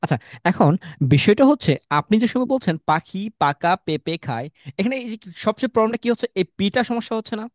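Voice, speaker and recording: A man's voice: high voice, expressive, fast, no echo. A man running a live online class over a video call, drilling students on tongue twisters and calling on them one by one. His voice is dry and close, with nothing behind it. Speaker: online English teacher. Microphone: computer mic on a video call.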